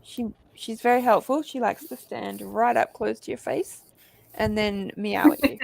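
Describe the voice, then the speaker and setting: A woman's voice: on the high side, unhurried, creaky, darkish tone. A woman hosting a casual livestream over a video call, chatty and reading viewer comments aloud with small laughs. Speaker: livestream host.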